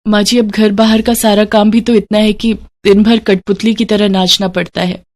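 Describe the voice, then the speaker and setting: A woman's voice: medium pitch, little pitch movement, moderate pace, darkish tone, dry recording, close to an everyday voice. A woman voicing a weary, poor young daughter-in-law in a cartoon, who complains with self-pity.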